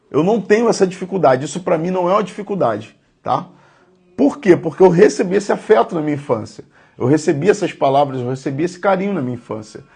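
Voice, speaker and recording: Gravelly husky man preaching. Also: fairly high pitch, a little mellow. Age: 30s. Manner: conversational, earnest, addressing listeners directly. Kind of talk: devotional sermon.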